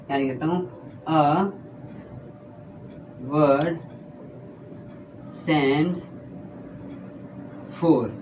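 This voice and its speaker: A man teaching grammar in a classroom, explaining slowly and answering his own questions. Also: on the high side, darkish tone, a little hiss or hum. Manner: explains slowly, drags out example sentences word by word; asks questions and answers them himself. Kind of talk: classroom lesson. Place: classroom at a board.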